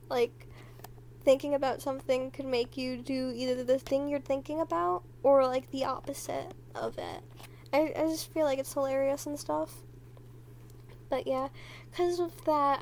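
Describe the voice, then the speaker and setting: A woman's voice: high voice, slight background noise. A teenage girl vlogger chatting casually and rambling, with plenty of fillers. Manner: rambling, talking freely with frequent fillers; quiet and hushed near the end, trying not to be overheard. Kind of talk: casual chat.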